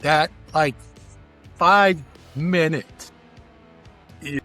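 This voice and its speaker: Faint music plays behind a barbecue cook who is an interview guest, chatting in a casual, folksy, colloquial and enthusiastic manner. He talks extremely slowly in a slightly high voice with a bright, forceful tone.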